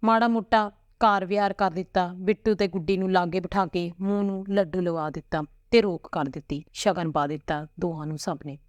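Brief: woman storyteller, slightly low voice, dry close read. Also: a little fast, few pauses, no echo. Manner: steady, plain storytelling. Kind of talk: scripted story narration.

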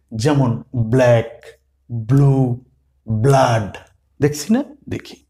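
A man teaching English phonics, repeating sounds slowly and asking and answering his own questions. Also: fairly high pitch, a little mellow. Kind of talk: phonics lesson.

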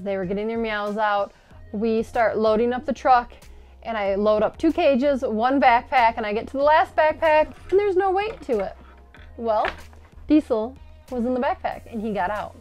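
A woman in her forties giving casual, animated tips in a home-made vlog, seated at a table inside an RV and filmed from a short distance. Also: a little high, moderate pace, faint music behind. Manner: chatty and animated, gesturing while explaining. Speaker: RV lifestyle vlogger.

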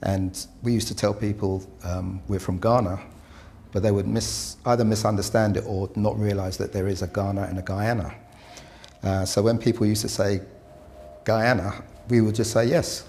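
A man born in Britain, speaking in a measured, halting way in a documentary interview. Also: on the low side, vocal fry, dark tone, a little hiss or hum.

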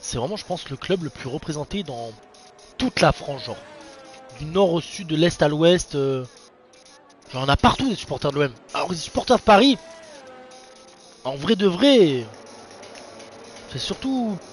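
A young man giving casual, excitable live commentary on an online racing league, chatting to his viewers in a slangy, informal way. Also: fairly high pitch, normal speed, long pauses. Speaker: race commentator and streamer.

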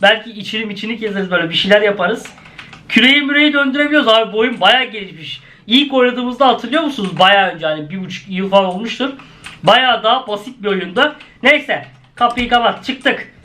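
Bright, high-voiced male gaming YouTuber, excitable and prone to shouted exclamations. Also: fairly quick. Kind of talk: gameplay commentary.

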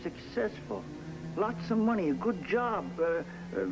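An actor playing a shrewd, probing elderly lighthouse keeper in an old television drama, talking in a folksy, hesitant way. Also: male voice, sits high, expressive, unhurried, gravelly, music in the background, exaggerated voice, poor audio. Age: older. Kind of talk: 1950s television drama acting. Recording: old television recording with faint hiss.

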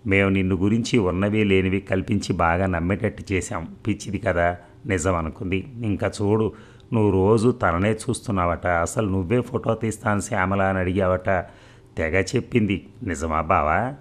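A man voicing a mischievous, teasing young woman in a spoken novel, read in his own deep voice. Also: moderate pace, lightly acted.

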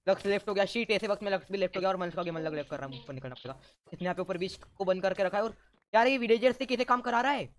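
A man giving excited let's-play commentary as a gaming YouTuber, teasing and ordering his teammates around. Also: sits high, very fast.

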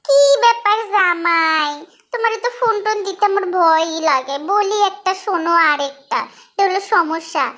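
A woman's voice: very high voice, normal speed, sharp tone. A woman voicing a bossy but soothing village mother-in-law who scolds, then coaxes. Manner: scolding, then coaxing in dialect.

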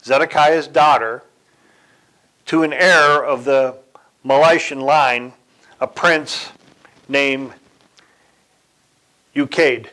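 A man giving a sermon in a deliberate way, pausing, correcting himself and chuckling now and then. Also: medium pitch, fairly even intonation, pushed and bright, poor audio. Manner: slow, deliberate delivery with occasional chuckles and self-corrections. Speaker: church speaker.

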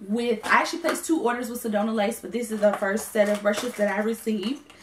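A woman's voice: on the high side, a little hiss or hum. A woman chatting casually about a makeup haul, rambling with lots of ums and self-corrections. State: has the hiccups. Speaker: beauty vlogger. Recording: echoey room.

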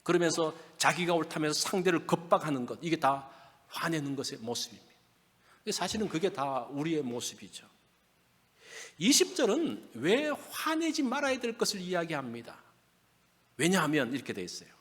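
A man's voice: on the high side, very animated, moderate pace, fairly bright tone, slightly rough. A male pastor preaching a Sunday sermon in a church, conversational and asking his listeners questions. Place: church sanctuary. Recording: long reverb of a church hall.

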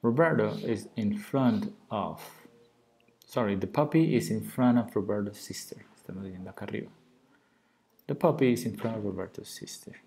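A man gives a recorded grammar lesson for beginners. His voice is low and dark, unhurried and patient. He slows to model English words, then explains them in Spanish. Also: vocal fry. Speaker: English teacher.

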